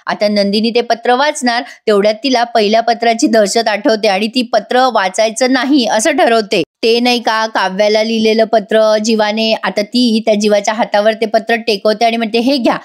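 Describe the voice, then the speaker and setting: A woman's voice: a little high, steady tone, normal speed, hardly any pauses. A woman narrating a chatty voice-over recap of a TV serial episode in a storytelling way. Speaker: TV serial reviewer.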